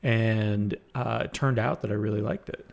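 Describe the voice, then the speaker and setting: A man in casual conversation, telling a personal story in a reflective, halting way with frequent restarts. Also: on the low side, steady tone, creaky.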